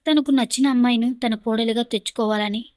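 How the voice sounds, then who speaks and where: A woman telling an emotional story in steady, scripted narration. Her voice is a little higher than most and comes across bright. It sounds close and dry, with no room around it. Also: fairly quick, no room sound.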